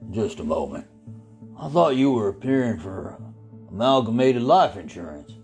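An actor playing a stern older male judge who speaks slowly, dryly and with measured words. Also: mid-range voice, very animated, a little mellow, soft background music, natural voice. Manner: slow, dry and measured.

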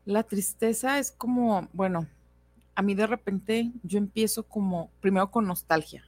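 A woman's voice: medium pitch, measured pace, no room sound. A young adult woman with a Mexican accent, chatting expressively and openly about her feelings on a radio show. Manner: chatty, expressive, laughs easily. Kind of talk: casual radio chat.

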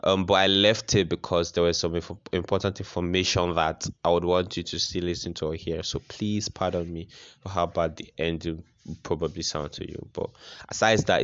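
A man introducing his podcast in a relaxed way, with many pauses and ums. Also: deep voice. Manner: laid-back, lots of ums. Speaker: podcast host. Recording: dull lo-fi audio, faint music behind.

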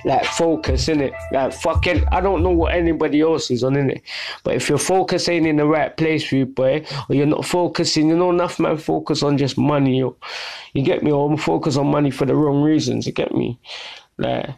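High-voiced south London man talking street slang. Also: fairly even intonation, fairly quick, vocal fry, a little mellow. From Brixton, south London. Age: middle-aged. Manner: heavy street slang, frequent tag questions, swearing. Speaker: podcast host. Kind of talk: casual solo podcast talk. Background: music.

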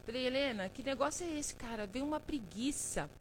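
A woman with a slightly high voice hosts a casual self-help live stream. She coaxes her viewers playfully and addresses them affectionately, breaking into frequent chuckles. A faint hiss sits under her voice. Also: animated, brisk, rough recording. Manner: affectionate, calls viewers by name and "love"; coaxing, motivational.

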